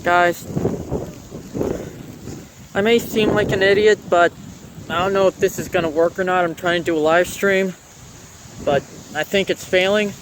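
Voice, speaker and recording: A man speaking casually to camera as a vlogger giving updates, halting and often clearing his throat. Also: high voice, fairly even intonation, noisy background.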